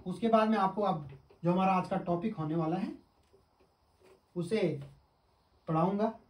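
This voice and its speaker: A man's voice: sits high, darkish tone. Man teaching from a distant echoey mic. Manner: asks the class questions and answers them himself; sounds out syllables slowly one by one. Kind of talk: exam-prep lesson at a board.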